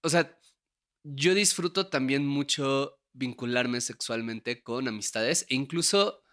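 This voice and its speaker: Podcast host, young Mexican man, bright forward voice, loose talkative delivery with frequent laughs. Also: mid-range voice, clear, resonant tone. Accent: Mexican Spanish. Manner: chatty, laughs often, frequent tag questions. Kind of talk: casual conversation.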